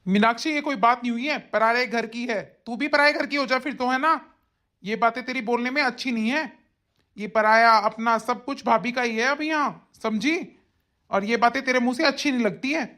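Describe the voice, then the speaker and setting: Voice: mid-range voice, brisk, sharp tone, natural voice. A voice actor doing a stern lecturing cartoon father. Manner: lecturing, scolding. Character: stern reproachful father of the house. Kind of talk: cartoon voice acting.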